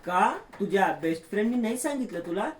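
A man's voice: high-pitched, expressive, quick pace, reverberant, slight background noise, voice pushed up. A man voicing a sarcastic young male friend in a retold soap story. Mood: mocking.

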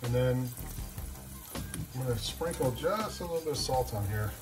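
A man in his thirties hosting a home cooking show, explaining each step in a relaxed way as he cooks in his kitchen. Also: medium pitch, moderate pace, poor audio. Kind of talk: casual cooking demonstration. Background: background music.

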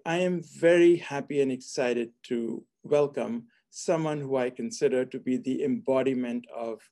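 Hosting a formal virtual event from his book-lined office, a middle-aged man who is a hospitality school dean introduces a guest and interviews them by video call from his computer. He has a mid-range voice with a dark tone.

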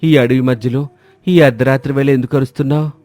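A man's voice: mid-range voice, fairly even intonation, fast talker, close to an everyday voice. A man voicing a kindly old village man. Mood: reassuring. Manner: gentle, reassuring.

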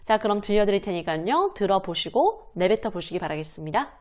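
Lively woman teaching pronunciation. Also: mid-range voice. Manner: demonstrates English words slowly and repeats them; lively, asks and answers her own questions. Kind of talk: explaining lesson to camera.

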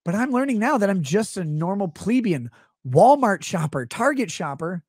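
Animated sarcastic man with a high voice. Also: moderate pace, slightly rough, no room sound, studio quality. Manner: sarcastic, rambling, jumps between voices. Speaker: streamer host. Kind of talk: comedic live-stream rant. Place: small home studio room, indoors. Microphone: close studio mic on stand.

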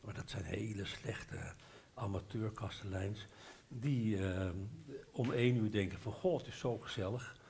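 An older man from the Netherlands with a Dutch accent, talking as a guest on a live bookshop stage. He tells an animated story on a headset mic, stopping to restart his sentences and hesitating often. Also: fairly low pitch, measured pace, vocal fry. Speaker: guest author. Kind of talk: live literary café talk.

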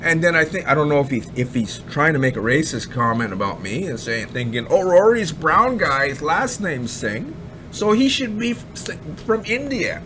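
A man's voice: a little high, very animated, normal speed. Blunt, rambling Canadian man over noise. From Ottawa, Canada. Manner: blunt, rambling, repeats himself, swears. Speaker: online marketing reviewer. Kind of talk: casual screen-share commentary. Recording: audible background noise.

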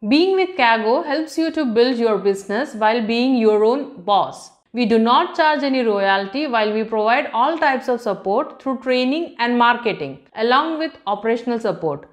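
A woman narrating a scripted promotional voice-over, reading steadily through lists of services and equipment. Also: fairly high pitch. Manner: steady, measured reading of a list-heavy script.

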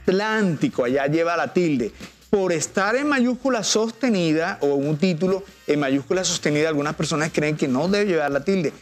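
A man's voice: on the high side, expressive, moderate pace, soft background music. A man with a Colombian Spanish accent, a teacher guest explaining in a patient, didactic way and drawing out example words. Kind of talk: explanatory TV interview.

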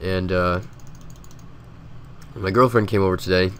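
Here a gaming video host with a deep, congested voice and a blocked nose narrates gameplay in an unhurried way. He drifts loosely from thought to thought, relaxed and full of filler words, over a faint background hum.

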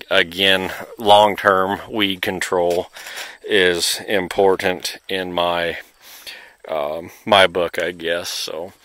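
Low and monotone, yet clear and resonant with no echo, this Midwestern American man hosts a casual, unscripted walk-through of his cornfield. His manner is understated and hedging, and an operator films him outdoors on a handheld camera or phone.

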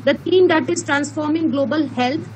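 A woman's voice: sits high, normal speed. A woman with an Indian accent reading a formal introduction of a guest speaker. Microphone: video call. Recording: noisy video call.

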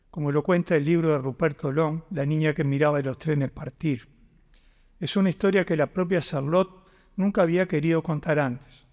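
Measured older man at an auditorium podium. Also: a little high, a little mellow. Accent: Uruguayan Spanish. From Uruguay. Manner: measured, deliberate reading from notes. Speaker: university vice-rector. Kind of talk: formal ceremony speech. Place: large concert auditorium stage. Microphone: podium microphone. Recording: long hall reverb.

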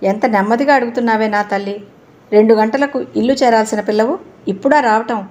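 A woman's voice: on the high side, steady tone, brisk, darkish tone, close to an everyday voice. Brief: woman reading as a fussing, loving middle-aged dad. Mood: anxious. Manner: fretful. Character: anxious middle-aged father, affectionate but fussing.

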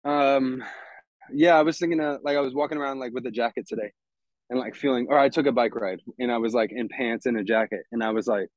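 A man's voice: mid-range voice, fast, no echo, dull audio. A man from Texas chatting casually, rambling and swearing freely while describing events he organizes. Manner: rambling, laid-back, swears a lot. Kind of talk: casual chat.

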